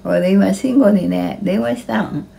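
A woman's voice: medium pitch, moderate pace, creaky, mellow. An elderly woman with a rural Kanto dialect, chatting casually on a home livestream, muttering and grumbling in a flustered, plaintive way. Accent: rural Kanto Japanese dialect. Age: elderly, about 80s. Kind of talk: casual livestream chat, muttering and reading out comments. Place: small cluttered home kitchen-dining room, indoors. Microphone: handheld phone close to the face. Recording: faint room noise, handheld phone.

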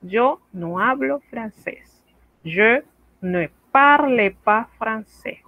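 A woman French teacher giving an online lesson, explaining phrases carefully and repeating each one slowly for practice. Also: a little high, animated, no room sound. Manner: slow, careful drilling of phrases with repetition. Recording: dry, phone-like narrow sound.

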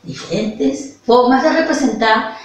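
A woman's voice: a little high, recorded from a distance. A woman with a Peruvian accent teaching a virtual lesson to young children, speaking affectionately and stretching her words so they can follow. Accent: Peruvian Spanish. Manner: affectionate, slow and exaggerated for small children. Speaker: primary school teacher. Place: classroom with a whiteboard. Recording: echoey room, away from the mic.

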